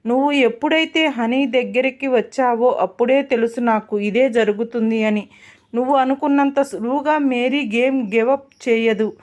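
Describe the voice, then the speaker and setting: A woman's voice: a little high, moderate pace, darkish tone, close to an everyday voice. A woman voicing a smug scheming rival, Mary.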